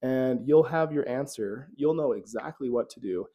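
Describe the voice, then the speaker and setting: A man voicing an old wise man who gives plain, measured instructions to his apprentice in a told story. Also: mid-range voice, warm tone, natural voice. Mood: calm instructing. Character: calm old male wise man, patient mentor.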